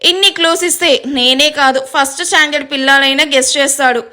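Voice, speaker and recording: This woman's voice is high-pitched and brisk as she narrates an audio story. She takes on the role of a teasing brother-in-law, a relaxed young man whose calm joking and mockery set a playful, ribbing tone.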